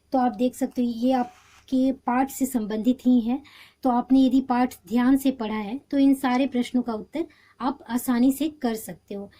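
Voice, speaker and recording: Woman teacher, patient and mellow, walking students through a lesson. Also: on the high side. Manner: patient, explains step by step. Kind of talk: homework walkthrough lesson.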